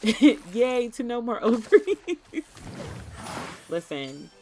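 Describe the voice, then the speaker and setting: A young woman chatting casually while streaming a game, animated and playful, slipping into put-on as she talks. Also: fairly high pitch, slow, faint music behind.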